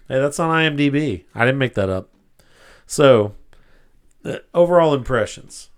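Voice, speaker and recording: A man co-hosting a casual podcast, reading reviews aloud in a dry, wry way and clearing his throat often. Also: medium pitch, expressive, measured pace. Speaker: podcast co-host.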